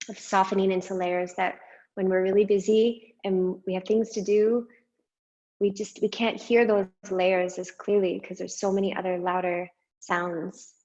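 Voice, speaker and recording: A woman guiding a meditation and breathing exercise, speaking slowly and softly with long pauses. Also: medium pitch, little pitch movement, muffled recording. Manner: slow, soft and unhurried with long pauses. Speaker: meditation guide. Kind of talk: guided meditation.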